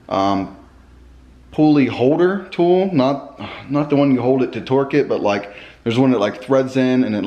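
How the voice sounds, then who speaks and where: A man's voice: medium pitch, a little mellow. A young man chatting casually as a car vlogger, talking with braces that give him a slight lisp. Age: young adult. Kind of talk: casual rambling vlog chat. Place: indoors in a home kitchen. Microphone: camera at arm's length or on the table.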